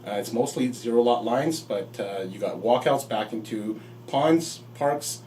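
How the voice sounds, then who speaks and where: A man being interviewed as a home builder, talking in a relaxed, halting way with fillers. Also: mid-range voice, far from the mic, soft background music, poor audio. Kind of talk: casual interview.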